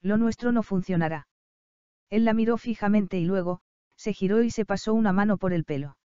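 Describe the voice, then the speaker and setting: A woman narrating an audiobook in a calm, even storytelling manner. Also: medium pitch, fairly quick, clean tone, dry recording, lo-fi sound. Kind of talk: scripted narration.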